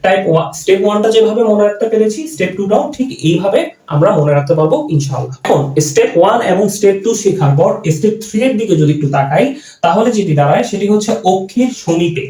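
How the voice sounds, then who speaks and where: A man's voice: high-pitched, lively intonation, quick pace, dark tone. Guy teaching grammar, asks then answers himself, echoey room sound. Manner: repetitive, explains step by step, asks and answers own questions. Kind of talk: exam-prep Bengali grammar lesson.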